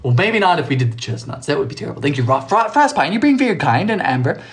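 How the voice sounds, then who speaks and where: A man's voice: a little high, very animated, fast talker. A man hosting a live baking stream from his kitchen, chatting casually with viewers, playful and joking, laughing often. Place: home kitchen.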